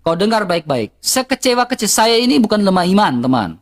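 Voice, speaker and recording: A woman's voice: mid-range voice, sing-song, fairly quick. A woman with an eastern Indonesian accent, ranting heatedly and bluntly to her livestream viewers, repeating herself for emphasis.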